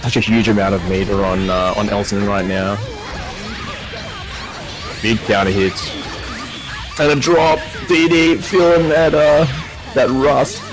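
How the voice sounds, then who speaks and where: A man's voice: on the low side, unhurried, long pauses, music in the background. A man calling fighting-game matches as play-by-play commentator, hyping the action as it happens. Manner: hyped call of the action. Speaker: esports commentator.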